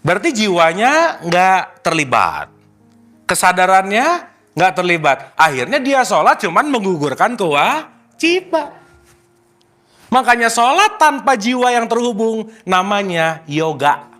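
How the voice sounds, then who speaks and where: Guy giving a playful religious talk, high bright voice, bouncy and animated. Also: a little slow, faint music behind. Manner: animated, playful, teasing audience, mixes English words. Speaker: spiritual teacher. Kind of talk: casual religious study talk to elders.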